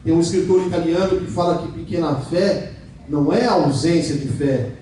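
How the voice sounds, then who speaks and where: A man preaching a sermon as pastor, animated and jokey, acting out the dialogue in a raised voice. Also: on the high side, normal speed, a little hiss or hum. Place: large church hall. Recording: echoey church hall, mic at a distance.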